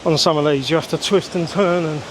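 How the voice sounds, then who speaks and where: A man's voice: on the high side, steady tone. A man vlogging casually as he climbs a wet, rocky mountain trail, talking in between efforts. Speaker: hiking vlogger. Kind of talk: casual on-the-go narration. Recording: noisy outdoor recording with rushing stream.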